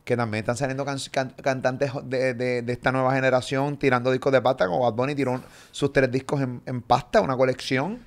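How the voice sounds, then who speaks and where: A man, hosting a podcast in a relaxed, conversational way and asking follow-up questions. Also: mid-range voice, brisk, hardly any pauses. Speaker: podcast host. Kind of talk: casual podcast interview.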